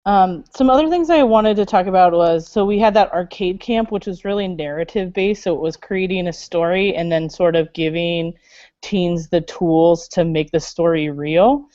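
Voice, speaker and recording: A woman speaking on a video call in a lowish voice, chatty and loose, full of little fillers and asides. The sound is dull and lo-fi, with a dry, close feel. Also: moderate pace, mellow, no echo. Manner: chatty, many fillers, laughs. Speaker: library makerspace staff member. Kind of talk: casual video call interview.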